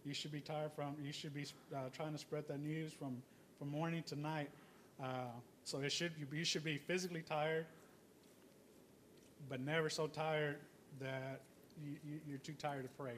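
Slow, flat-voiced man sharing a thought. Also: on the high side, a little hiss or hum. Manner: slow and hesitant, with many "uh"s. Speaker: church member sharing a reflection. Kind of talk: informal comment during a sermon.

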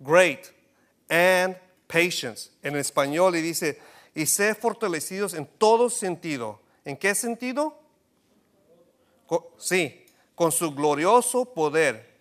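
A man preaching to his congregation, with a voice set a little high. He shifts between two languages and throws question after question at the room. He keeps building to loud, animated peaks. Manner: switches between Spanish and English, asks the congregation questions; rises to emphatic, animated bursts. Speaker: pastor. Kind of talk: bilingual sermon teaching.

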